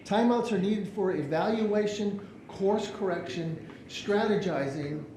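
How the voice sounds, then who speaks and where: High-voiced pastor preaching in an echoey church. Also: male voice, a little slow, warm tone, slight background noise. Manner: storytelling, acts out the people in his stories. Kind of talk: sermon. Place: church sanctuary.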